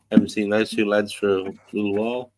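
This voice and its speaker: An Australian man hosts a casual hangout. His voice sits a bit low and he talks informally, as to friends. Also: background noise. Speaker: host of an informal online hangout. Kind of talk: casual chat.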